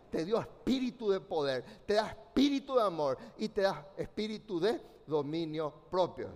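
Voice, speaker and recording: Very high-voiced fervent pastor. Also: male voice. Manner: fervent, commanding, calls for congregation responses. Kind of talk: preaching a sermon. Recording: long reverb in a large hall.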